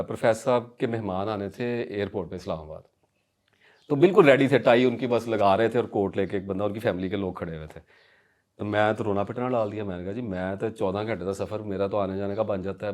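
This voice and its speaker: A middle-aged man, a podcast guest who tells animated stories and acts out the voices of the people in them. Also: on the low side. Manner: animated storyteller, acts out quoted voices, mixes in English and Punjabi. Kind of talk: casual storytelling interview.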